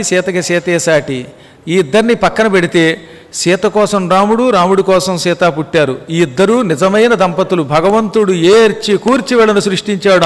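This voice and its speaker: A man's voice: high voice, in a large hall. A man giving a religious discourse, explaining points with repetition, rhetorical questions and acted-out quotes. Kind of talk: Telugu Ramayana discourse.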